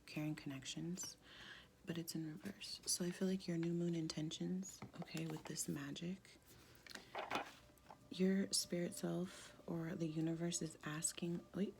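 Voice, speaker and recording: Female tarot reader, sultry and husky smoker's tone, heavy vocal fry, soft-spoken, informal, halting delivery. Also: lowish voice, level tone, noisy background. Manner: halting, informal, with pauses and frequent "like". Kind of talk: casual spiritual tarot reading, soft-spoken.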